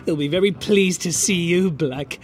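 A man's voice: high voice, close to an everyday voice. A man voicing a cold, menacing male professor who sneers and breaks into shrieks. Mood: gloating. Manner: sneering, slow, erupts into shrieks.

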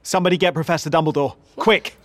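A man's voice: high-pitched, lively intonation, moderate pace, husky, dry recording. A narrator voicing a pompous, officious teenage head boy.

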